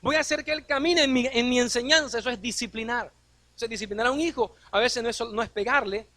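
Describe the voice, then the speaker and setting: A man's voice: extremely high pitch, fast talker, bright, forceful tone, dry recording. A man preaching a sermon as a pastor, posing rhetorical questions and acting out quoted dialogue.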